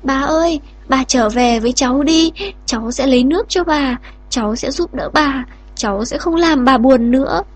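A woman's voice: high-pitched, moderate pace. A woman voicing a remorseful young boy who pleads with his grandmother. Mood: pleading. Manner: pleading, urgent.

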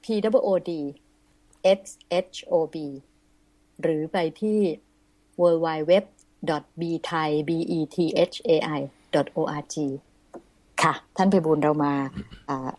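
Polite, low-voiced woman radio host. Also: drawn-out words, no echo. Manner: polite, formal, softened with frequent polite particles. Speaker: radio talk show host. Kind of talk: radio Dhamma talk show. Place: radio studio.

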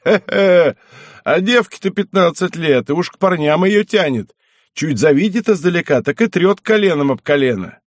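A man voicing a boisterous, tipsy middle-aged nobleman with a loud, hearty, teasing manner in an audiobook. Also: on the high side, sing-song, moderate pace, dry recording, clean studio sound, voice pushed up. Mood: jovial.

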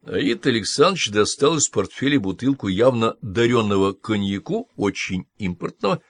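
Expressive male audiobook narrator. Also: fairly low pitch, moderate pace, dry recording, studio quality. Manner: expressive, ironic storytelling. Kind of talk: scripted literary narration.

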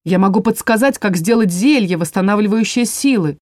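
A woman's voice: medium pitch, animated, fairly quick, no room sound, clean studio sound, close to an everyday voice. A woman voicing a bossy female house spirit who barks commands. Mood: eager. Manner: urgent, commanding, shouting orders.

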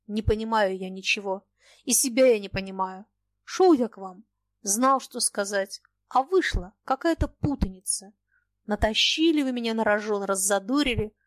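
A woman's voice: mid-range voice, dry recording, natural voice. A woman doing a blunt, agitated young merchant. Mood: confused. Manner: reproachful, plain-spoken. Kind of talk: audiobook dialogue.

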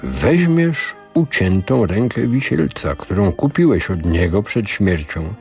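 A man voicing a scheming older male sorcerer who lectures in a slow, measured way. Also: fairly low pitch, very animated, a little mellow, soft background music, full character voice. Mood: solemn.

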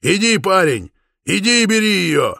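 Narrator's hearty teasing young farmer, near-natural voice. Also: male voice, mid-range voice, animated, slow pace, creaky, a bit bright, husky, no room sound, studio quality, full character voice. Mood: cheering.

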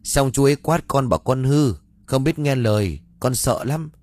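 A man's voice: mid-range voice, moderate pace, a little mellow, dry recording, pitched above the performer's own voice, lightly acted. A man voicing a small, scared and innocent boy in an audio ghost story, speaking in a plaintive, childlike way. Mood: frightened.

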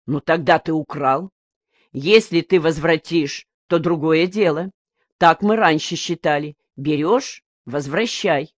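A woman reading the part of an agitated old male fishing brigade leader in an audiobook, speaking loudly in exclamations. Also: sits low, measured pace, dry recording, studio quality. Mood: heated. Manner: loud, exclaiming.

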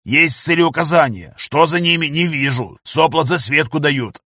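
A man voicing a panicky, excitable young male ship technician who yells in a high voice. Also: normal speed, dry recording. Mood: panicked yelling. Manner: excitable, shrill yelling.

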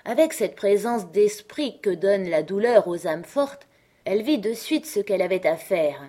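A woman narrating an audiobook of a classic novel in a measured, expressive way. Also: medium pitch.

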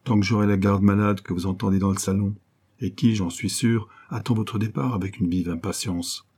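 A man's voice: lowish voice, steady tone, normal speed, mellow. A man reading a novel aloud, voicing a vain and smug young man who boasts in a sneering way.

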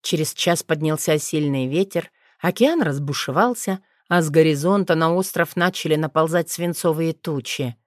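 Woman reading an audiobook, kinda low voice, steady storyteller, dead dry close sound. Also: moderate pace, hardly any pauses, dry recording. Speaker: audiobook narrator. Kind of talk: first-person audiobook narration.

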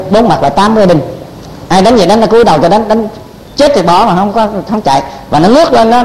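An older man, a Buddhist monk teacher telling stories in a sermon, animated and repeating words as he acts out what people said. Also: high voice. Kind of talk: storytelling sermon. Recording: long hall reverb.

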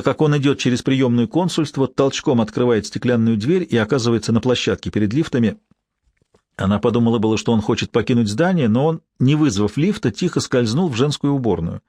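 A man reading an audiobook in an even, measured narration. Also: medium pitch, no room sound, clean studio sound. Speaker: audiobook reader. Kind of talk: scripted narration.

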